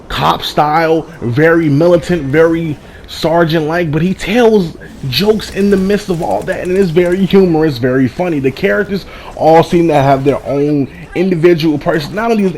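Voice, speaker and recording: A man's voice: medium pitch, a little mellow. A man giving a casual first-impressions game review, repeating and rephrasing himself for emphasis. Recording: background noise behind the voice.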